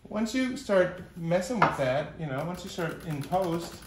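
A man's voice: high voice, lively intonation, unhurried. A middle-aged man from New York with a New York accent, rambling casually and joking while he works on his gear. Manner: rambling, jokey asides, talks to his gear. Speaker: synth repair vlogger. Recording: roomy room, faint hiss.

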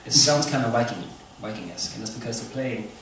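A man who is a musician explains things haltingly in an informal lecture to people seated in an indoor club room. His voice has medium pitch and a fairly bright tone. The recording is echoey and noisy, taken from a distance as a stage mic plays through speakers.

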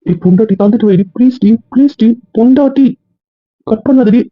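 A man voices a jealous young husband who nags and demands in a husky, rapid voice. He sits a little high for a man. The sound is thin and tinny, as if it comes through a phone. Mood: pleading. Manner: demanding and quick, nagging.

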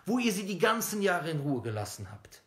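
A man's voice: sits high, big pitch swings, fairly quick, fairly bright tone. A middle-aged male preacher speaks straight into a phone camera held close in a small indoor room. He is sarcastic and indignant, piling up rhetorical questions and scoffing at his critics. Every word carries a roomy echo off the walls. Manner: indignant, mocking, fires rhetorical questions, drops to sneering murmurs. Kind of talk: sarcastic video statement. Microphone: phone camera at close range.

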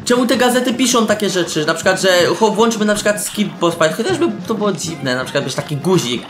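An excitable young man commentating a video game in a loose, lively way, his pitch leaping around as he yells and laughs. He sounds like he is in a roomy, echoing space, with faint game music behind him. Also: quick pace. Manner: excitable, shouting and laughing, mixes in English slang. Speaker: gameplay commentator. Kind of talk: casual let's-play commentary.

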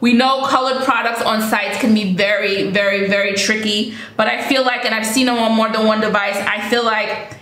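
A woman with a fairly high voice talks through a casual product review. She is chatty and enthusiastic and repeats words for emphasis. It sounds like a camera mic in an echoey room. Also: steady tone, moderate pace, hardly any pauses, fairly bright tone. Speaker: beauty vlogger.

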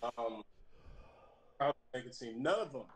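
Laid-back male guest, halting speech. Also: medium pitch, animated. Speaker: guest actor. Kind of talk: casual interview.

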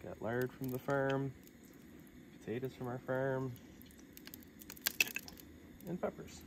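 A man's voice: medium pitch, little pitch movement, slow. A man in his thirties chatting casually while cooking at an outdoor lakeside campsite, thinking aloud. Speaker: father cooking at camp. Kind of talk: casual family chat. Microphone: camera a few steps away. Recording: distant voice, loud outdoor noise.

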